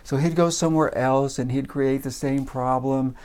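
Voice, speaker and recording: A man telling a personal story in a relaxed, casual way, with frequent fillers. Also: medium pitch, moderate pace, clear, resonant tone. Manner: relaxed, many uh fillers, acts out voices in quotes.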